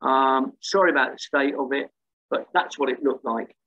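A man's voice: mid-range voice, moderate pace, bright, forceful tone, highs cut off. A man giving a slide lecture on local history, hesitant, with many ums and restarts. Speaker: museum talk speaker.

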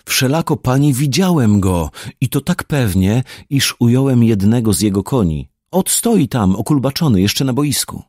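A man's voice: mid-range voice, animated, moderate pace, hardly any pauses, a little mellow, no echo, clean studio sound, close to an everyday voice. A man reading the part of a loyal knight who steadily insists on his report. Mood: insistent.

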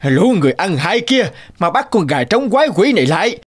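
A man's voice: high-pitched, very animated, fairly quick. A man playing a greedy blustering landlord. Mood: panicked. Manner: blustering, shouting. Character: greedy cruel old male landlord. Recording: cartoon with music behind.

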